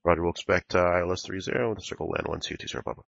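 A man's voice: deep voice, steady tone, racing, vocal fry, a bit bright, no echo. A man making clipped pilot radio calls over a cockpit-style headset in a flight simulation. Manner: clipped aviation phraseology. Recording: dull, band-limited radio audio.

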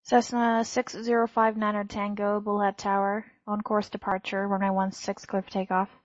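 A woman giving clearances as an air traffic controller in clipped aviation phraseology. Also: mid-range voice, completely flat delivery, normal speed, no room sound, muffled recording.

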